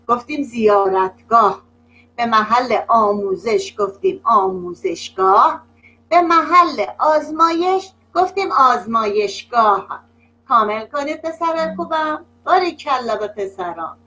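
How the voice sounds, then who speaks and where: A woman teaching young children over a video call, her voice high and bright. She speaks slowly and patiently, stretching words out and praising each answer. The sound comes through a video call. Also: poor audio. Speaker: primary school teacher. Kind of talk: online class.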